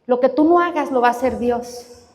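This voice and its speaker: Animated woman preaching in a hall. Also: high voice, normal speed. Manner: animated, dramatic storytelling. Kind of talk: sermon storytelling. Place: large hall at a retreat. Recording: reverberant hall.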